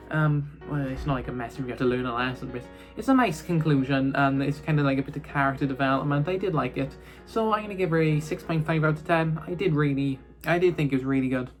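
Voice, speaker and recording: A man reviewing films in a casual, rambling chat, full of fillers and restarts. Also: a little high. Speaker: film reviewer.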